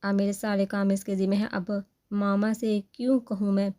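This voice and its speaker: A woman's voice: mid-range voice, flat delivery, mellow, close to an everyday voice. A woman voicing a possessive, impatient young husband in a storybook reading, in a demanding tone. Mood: insistent. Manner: insistent, demanding.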